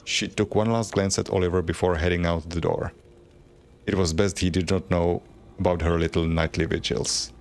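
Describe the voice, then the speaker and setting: A man's voice: deep voice, steady tone, normal speed, creaky. A man streaming a game, reading lore aloud in a plain, unacted voice with casual asides.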